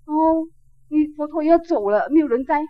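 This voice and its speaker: A woman doing a distraught young male disciple who pleads tearfully over the loss of his teacher, his voice pitched a little high. The sound is dull and lo-fi, with a dry, close tone. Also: expressive, moderate pace, no room sound, soft background music. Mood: grieving.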